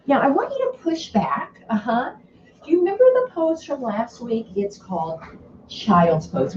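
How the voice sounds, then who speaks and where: A woman teaching a yoga class for children, giving encouraging, sing-song cues with soft breathy affirmations. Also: a little high, slight background noise. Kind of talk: guided kids' yoga class. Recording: roomy, distant, slightly dull home video.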